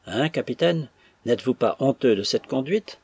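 A man's voice: medium pitch, big pitch swings, normal speed, creaky, breathy edge, dry recording, exaggerated voice. A man doing a whiny young servant. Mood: whining, indignant. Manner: whining, tearful protest. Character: whiny young male servant, touchy, self-pitying.

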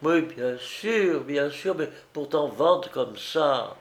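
A man reading an audiobook voicing a nervous, hesitant noblewoman who owns an inn, raising his voice high. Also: animated, slow. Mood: fretful. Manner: agitated, hesitant, high-strung. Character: fretful noble landlady, middle-aged woman.

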